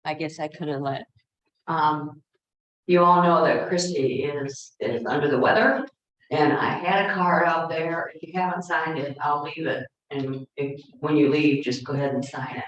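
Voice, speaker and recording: A woman making a soft-spoken, halting announcement at a club meeting. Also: low-pitched, steady tone. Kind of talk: casual announcement. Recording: very echoey, dull hall sound.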